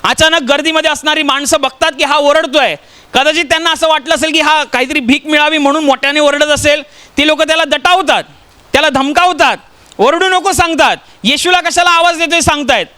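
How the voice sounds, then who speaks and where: High, bright-voiced man preaching a sermon. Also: a little fast. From Maharashtra, India. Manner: storytelling with rhetorical questions to the congregation.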